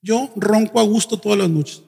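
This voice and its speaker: High-pitched preaching pastor in a hall. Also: male voice, vocal fry, breathy edge. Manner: animated preaching, mimics congregants in quick asides. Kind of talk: sermon. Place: church sanctuary. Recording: church hall with long reverb.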